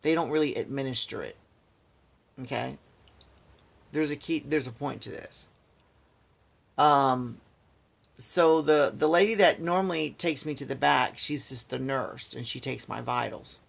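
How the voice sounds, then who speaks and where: Gravelly guy venting on his vlog, keeps repeating himself, fed up. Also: mid-range voice, unhurried, pauses often, a bit bright. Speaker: vlogger. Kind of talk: casual ranting story to camera.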